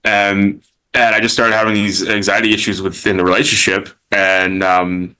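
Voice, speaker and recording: Deep-voiced man, bright and forceful. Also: little pitch movement, normal speed, smooth, rough recording. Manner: hesitant, with many fillers and repeated words. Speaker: podcast guest. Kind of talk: podcast interview, personal story.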